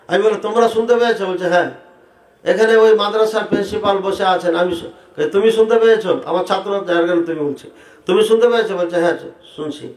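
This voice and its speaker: A man preaching to a crowd, animated and rhetorical, asking the audience questions directly. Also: high-pitched. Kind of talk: sermon debating prayer practice. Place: large hall with audience. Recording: echoey hall sound.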